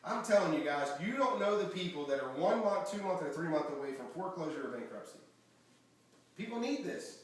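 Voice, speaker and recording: Man with a high voice, energetic seminar trainer, quizzes listeners, very echoey room, far from the camera. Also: brisk. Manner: energetic, quizzes the audience with questions. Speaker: network marketing trainer. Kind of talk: motivational seminar talk. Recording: echoey room from far off, faint background noise.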